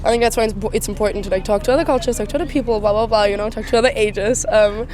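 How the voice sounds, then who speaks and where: A woman's voice: medium pitch, rapid-fire. Easygoing young woman from Austria. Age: 20s. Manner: relaxed and easygoing, many "like" and "you know" fillers. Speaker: interviewee, traveller. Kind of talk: street interview answers. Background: clear music.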